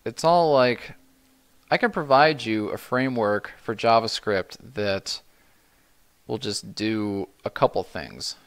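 Casual middle-aged man answering chat. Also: lowish voice. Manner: relaxed, rambling, frequent restarts and "you know". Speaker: livestream host answering chat questions. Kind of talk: casual live-stream Q&A.

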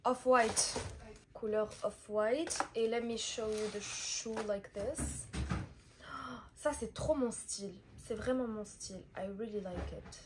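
Speaking slowly in a fairly high voice, a young vlogger talks her way through a shopping haul, chatty and mixing languages within her sentences. The background is noisy.

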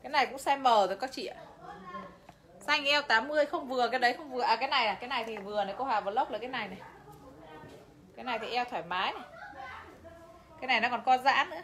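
Talking fast but with long pauses, this woman has a slightly high, somewhat bright voice. She's doing a live sales pitch for clothes on a livestream, chatting away, laughing often, and addressing viewers directly.

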